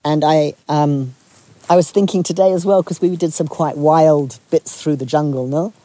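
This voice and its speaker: A Zambian retreat leader talks softly and reflectively to a group, pausing often and starting phrases over. The mid-range voice holds a steady tone in a dry recording.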